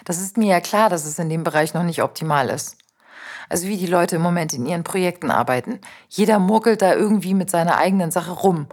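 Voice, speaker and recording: A brisk, chatty woman colleague who rambles cheerfully through her explanations with a hint of impatience, as a woman narrator reads her lines. The voice sits fairly low for a woman. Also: a little mellow, lightly acted.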